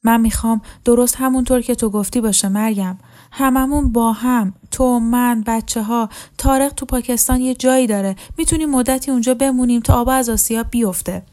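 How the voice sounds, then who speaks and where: A woman voicing a desperate young woman who pleads tearfully in a higher voice, in a storybook reading. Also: fairly even intonation, mellow, lightly acted. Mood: pleading. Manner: pleading, pitched up.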